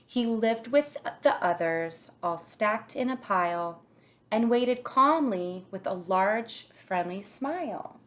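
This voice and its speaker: A woman with a medium-pitched voice reads a children's picture book aloud. Her storytelling is expressive and deliberate, much like a kindergarten teacher's.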